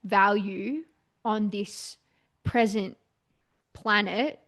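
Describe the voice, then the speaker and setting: A woman's voice: medium pitch, very slow, a bit bright. Young woman, mid-range voice, candid, hesitant, searching for words, lots of fillers and restarts. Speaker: podcast host and client. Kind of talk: candid therapy session talk.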